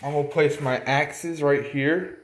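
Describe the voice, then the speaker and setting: Walking around a half-built house and its muddy yard, a man vlogs a casual tour, frequently hesitating and saying things twice. His voice is fairly high with a steady tone and measured pace, and there's a little hiss or hum on the recording.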